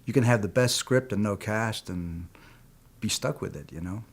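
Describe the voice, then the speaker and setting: A middle-aged Peruvian film producer, a native Spanish speaker, answers interview questions about his work in a low, husky, unhurried voice. He speaks in measured, reflective stretches, frequently saying "you know" while working through his thoughts.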